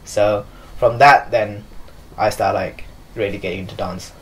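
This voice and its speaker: A young dancer-choreographer from Nepal, seated in a leather-sofa living room, answers an interviewer in a casual, filler-laden way. He has a lowish, steady, unhurried voice, and the recording is low quality.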